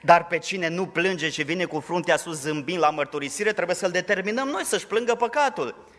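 A man's voice: high-pitched, animated, fairly bright tone. A pastor preaching a sermon in church, emphatic, raising his voice on scripture verses. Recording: long reverb of a church hall.

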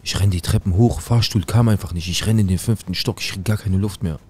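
A man's voice: low voice, brisk, a little mellow, husky. A young man telling a dramatic true story in casual, slangy street talk, speaking to his viewers.

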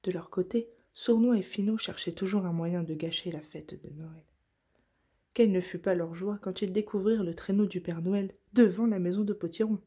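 Gentle breathy woman reading a bedtime story. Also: fairly low pitch. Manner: soft, gentle and breathy, slow at tender moments. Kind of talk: reading a children's story aloud.

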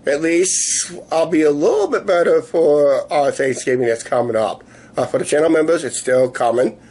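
A man in his fifties chatting casually to camera in a rambling, halting way, his voice weak and sore after illness. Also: a little high, expressive, a little mellow. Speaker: vlogger. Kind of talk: casual video diary chat. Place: small living room, indoors. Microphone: camera at arm's length. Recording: noisy room ambience on camera mic.

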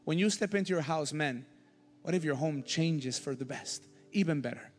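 A man preaching a sermon as pastor, passionate, swinging between loud bursts and hushed lines. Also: fairly high pitch, lively intonation, normal speed. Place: church sanctuary. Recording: church hall reverb with soft music behind.

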